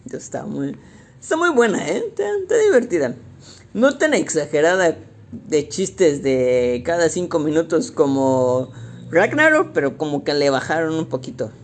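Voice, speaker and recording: A young man with a Mexican accent, casually recapping a movie in slangy, animated talk and acting out the quotes. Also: fairly high pitch, moderate pace, a little hiss or hum. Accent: Mexican Spanish.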